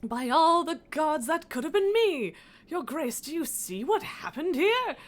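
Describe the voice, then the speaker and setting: A woman's voice: high-pitched, sing-song, measured pace, pitched above the performer's own voice. A woman voicing a desperate, over-earnest prisoner in a game, pleading dramatically for release. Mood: desperate, fervent.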